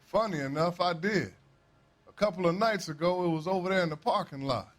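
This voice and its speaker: An actor playing a plain-spoken, defensive American railway worker questioned as a witness in a period crime game. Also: male voice, high voice, a little fast, close to an everyday voice. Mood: casual, cooperative. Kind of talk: acted crime drama dialogue.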